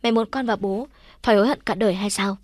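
A woman's voice: medium pitch, fairly even intonation, fast talker, no room sound, studio quality, natural voice. A woman voicing a distraught young woman who pleads through tears.

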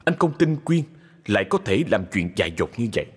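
A man narrating a ghost story in a dramatic scripted style, slowing for suspense. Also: lowish voice, sing-song. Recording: husky voice in long reverb with music.

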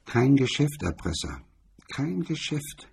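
A man's voice: on the low side, lively intonation, measured pace, warm tone, husky. Man doing a defiant young actress. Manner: clipped and defiant.

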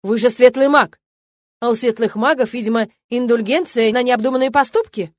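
A woman reader voicing a stern, irritated male academy rector, with loud, scolding delivery in a dry, close recording. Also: sits high, lively intonation, fairly quick, no echo.

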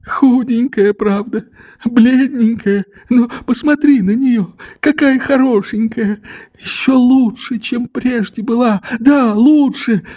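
A tender old father pours out his love and begs forgiveness, as a male reader puts him on. The voice sits raised and trembling, unhurried and mellow. It is an audiobook reading of a novel. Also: high-pitched, vocal fry, lo-fi sound, pitched above the performer's own voice, heavily acted.

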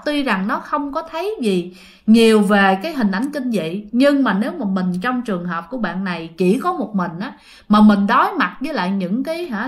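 Chatty woman storyteller. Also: fairly high pitch. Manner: chatty, addresses listeners directly. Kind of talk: casual horror storytelling.

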